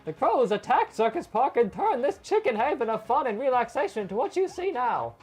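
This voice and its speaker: A woman's voice: fairly high pitch, sing-song, fairly quick, a little mellow, breathy edge, voice pushed up. A woman voicing an elder circus chicken from a video game as a showy, theatrical ringmaster, announcing grandly. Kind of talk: cartoonish game dialogue read-aloud. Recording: game music behind voice.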